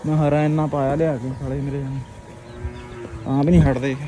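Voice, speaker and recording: A man's voice: mid-range voice, little pitch movement, a little fast, background noise. Chatty Punjabi man vlogging on a farm. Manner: chatty, teasing, raises voice to call to family. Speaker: village vlogger. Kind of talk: casual farm vlog chat. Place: outdoors on a family farm.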